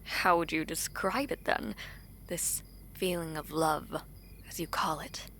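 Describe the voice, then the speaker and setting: In an audio drama, a woman plays a guarded imperial sibling who protects her younger brother, speaking gravely, formally and with regal stateliness. She sounds wary and probing. Her voice is low and a bit bright at a measured pace, with slight background noise.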